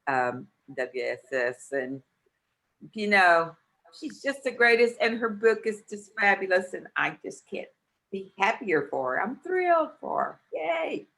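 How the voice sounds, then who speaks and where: A woman's voice: mid-range voice, lively intonation, a little slow, a bit bright. A woman gushing with praise for a friend on a video call. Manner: gushing, enthusiastic. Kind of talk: casual praise.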